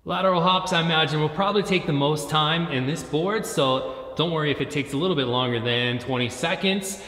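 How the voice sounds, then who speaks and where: A man in his thirties with a fairly high, slightly bright voice and a somewhat fast pace coaches a timed home workout, giving short, commanding, motivational gym-style cues. The recording has the heavy echo and reverb of a large gym hall.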